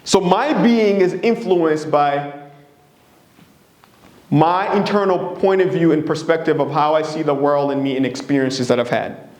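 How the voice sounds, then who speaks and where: A man's voice: fairly high pitch, measured pace, darkish tone, roomy sound. A man from Congo, giving an earnest, engaging presentation to an audience. He often checks in with them. His first languages are Swahili, Lingala and French. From Democratic Republic of Congo.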